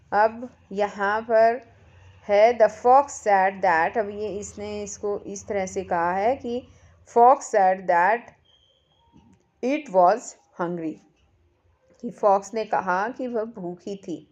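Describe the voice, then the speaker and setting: A woman teacher, reading English workbook lines slowly and explaining them in Hindi. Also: medium pitch, a little mellow. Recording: dull lo-fi recording.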